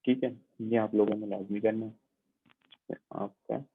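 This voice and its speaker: Man, lab instructor, online lecture, patient step-by-step explaining, husky voice, narrow tinny audio. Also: fairly low pitch, little pitch movement, unhurried. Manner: patient, repetitive explaining with frequent check-ins. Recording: tinny, phone-like narrow sound.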